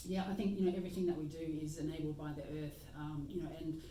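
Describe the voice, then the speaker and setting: Low, mellow Australian woman in a roomy space. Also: steady tone, fast talker, a little hiss or hum. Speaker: guest practitioner. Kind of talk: casual conversation. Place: meeting room indoors. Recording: echoey room, mic at a distance.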